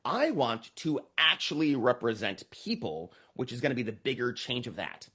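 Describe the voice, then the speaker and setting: An American man being interviewed as a political candidate earnestly lays out his campaign pitch, conversational yet emphatic. His voice is very animated, sharp in tone and slightly rough, at a normal speed.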